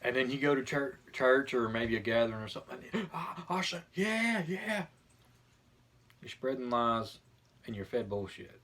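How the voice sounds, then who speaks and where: A man with a medium-pitched voice hosts in a casual, opinionated way. He talks bluntly and informally, with mild profanity mixed into his chat. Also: brisk, fairly bright tone. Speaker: video host.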